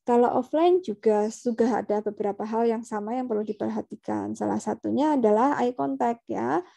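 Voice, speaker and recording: Woman lecturing on public speaking, kinda high voice with lots of fry, mellow tone, keeps checking in w listeners. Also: normal speed. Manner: explanatory, tags sentences with friendly "ya" checks. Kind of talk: online class lecture.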